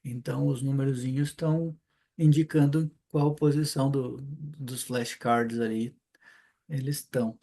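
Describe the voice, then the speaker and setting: A man's voice: medium pitch, fairly even intonation, measured pace, warm tone. A man with a southern Brazilian accent teaching a casual online Hebrew class, chatty and informal, often checking in with "né?" and "ok?". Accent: Brazilian Portuguese, southern (Paraná). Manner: chatty, informal, rhetorical questions and frequent "né?".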